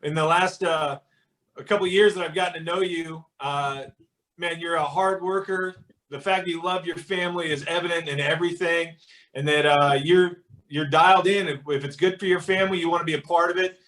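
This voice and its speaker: A man's voice: fairly high pitch, steady tone, fairly quick, fairly bright tone. A man hosting a casual interview, speaking in an encouraging, informal way. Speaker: host. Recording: distant from the microphone.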